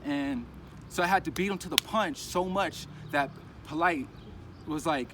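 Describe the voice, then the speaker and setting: Man, casual vlogger, somewhat high voice, rambling and animated storytelling, recorded outside with clear street traffic behind. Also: measured pace. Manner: rambling, animated, acts out others' lines. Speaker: crypto vlogger. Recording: outdoor street noise, passing traffic. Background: traffic noise.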